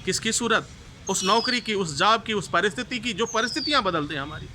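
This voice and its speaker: A man's voice: high-pitched, animated, brisk. A man giving a motivational speech to students in a declamatory way, repeating each line for emphasis. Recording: clear background noise.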